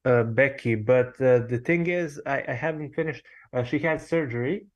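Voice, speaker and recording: A man's voice: medium pitch, normal speed. A man from Serbia calling a live show, speaking in a hesitant, detailed way with many fillers. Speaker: caller.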